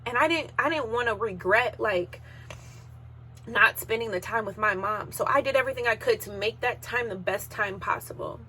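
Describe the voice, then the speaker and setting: A woman's voice: fairly high pitch, normal speed, sharp tone, slight background noise. A woman in her thirties hosting a podcast, telling a personal story in an emotional, sometimes tearful way while holding back tears. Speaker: podcast host.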